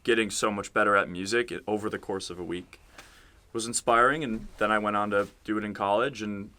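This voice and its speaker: Bright-voiced man, relaxed storytelling. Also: on the low side, a little fast. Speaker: guitarist in a band. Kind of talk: casual chat.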